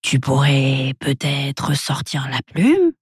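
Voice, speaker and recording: Woman murmuring as a soft, slow, wise imaginary friend. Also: low voice, husky, no room sound, studio quality, pitched below the performer's own voice, full character voice. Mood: gentle.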